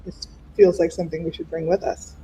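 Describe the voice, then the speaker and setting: A man's voice: on the high side, little pitch movement, a little fast, dark tone, slightly rough, poor audio. A man playing a tabletop game, keen and jokey as he speaks up from the group. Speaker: player.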